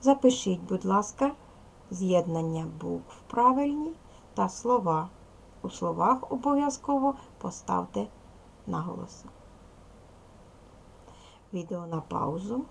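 A woman teacher giving a recorded video lesson to young schoolchildren, speaking clearly and patiently. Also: mid-range voice, animated. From Ukraine. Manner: slow, clear instructional delivery, addressing children.

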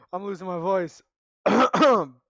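A young gaming YouTuber, high-voiced and hoarse because he's losing his voice, provides let's play commentary for a horror game. Jumpy and panicky, he screams, mutters, and draws out his words in a fairly bright tone. He's indoors in a small room at home on a headset mic, and the recording is muffled with no room sound.

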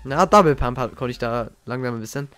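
A young man giving casual, slangy reaction commentary as a gaming YouTuber, excitable and reminiscing. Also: medium pitch, fairly quick, clean tone. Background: faint game music.

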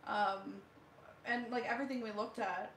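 A woman's voice: medium pitch, steady tone, moderate pace, a bit bright, a little hiss or hum. A woman, chatting casually as a homestead co-host, full of "like" and "so". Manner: chatty, filler-heavy explainer. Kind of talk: casual group chat. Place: living room, indoors. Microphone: far camera. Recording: echoey room.

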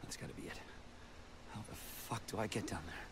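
An actor playing a frightened, desperate American man alone in a horror video game, in a breathy whisper. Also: on the low side, normal speed, background noise, close to an everyday voice. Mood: tense, desperate.

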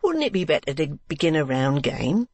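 A man's voice: fairly high pitch, very animated, moderate pace, dry recording. A man voicing a pompous, solemn Victorian husband who swaps his v's for w's. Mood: fussing. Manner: pompous, stiffly solemn, says w for v.

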